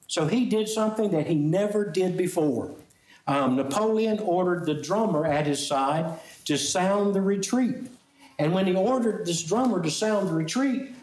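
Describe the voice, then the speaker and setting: High-voiced man preaching in echoey room. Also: a little mellow. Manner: storytelling preacher, slow emphatic lines, fillers. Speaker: pastor. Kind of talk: sermon.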